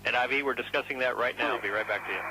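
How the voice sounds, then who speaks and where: A man's voice: medium pitch, rapid-fire, bright, forceful tone. A man working as a mission control communicator, speaking in clipped call signs and phonetic letters over a radio. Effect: radio transmission. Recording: noisy, buzzing radio link.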